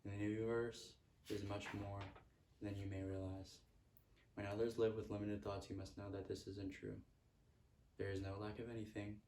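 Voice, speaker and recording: A man's voice: fairly low pitch, level tone, moderate pace, a little mellow, recorded from a distance. A man giving a motivational self-help talk, repeating earnest affirmations. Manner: earnest, repetitive affirmations with stray laughs. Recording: echoey room, speaker off-mic.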